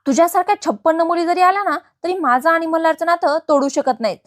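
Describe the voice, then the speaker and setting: A woman's voice: very high voice, quick pace. A woman voicing a scheming, possessive woman who scolds sharply. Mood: angry. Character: hot-tempered scheming woman, fiercely possessive.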